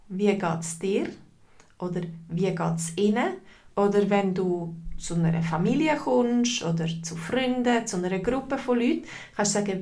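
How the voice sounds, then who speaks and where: A language teacher with a Swiss German accent leads a live online lesson, patiently repeating phrases and greeting viewers in the chat. Her mid-range voice is a little mellow.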